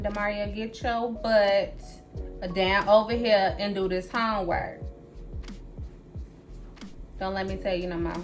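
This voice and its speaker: A woman chatting casually as she cooks in her home kitchen, often adding "right?" and "y'all". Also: mid-range voice. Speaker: home cooking vlogger. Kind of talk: casual cook-along chat. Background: background music.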